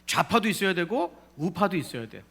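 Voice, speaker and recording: A man's voice: high-pitched, sing-song, a little fast, fairly bright tone, husky. A man pastor preaching a sermon in a church, drawing responses from the congregation and rising to emphatic peaks. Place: church sanctuary.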